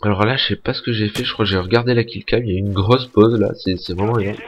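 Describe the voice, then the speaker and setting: A man's voice: on the low side, fairly even intonation, quick pace, dull audio. A young man in his late teens talking casually over his gameplay as a gaming YouTuber, rambling and swearing often. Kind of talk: gameplay commentary.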